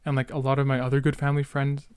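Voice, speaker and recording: This young Canadian, late teens to young adult, hosts a solo podcast where he rambles and reminisces casually, self-interrupting and using youthful slang. His mid-range, darkish voice comes rapid-fire with a completely flat delivery, clean and echo-free in clean studio sound.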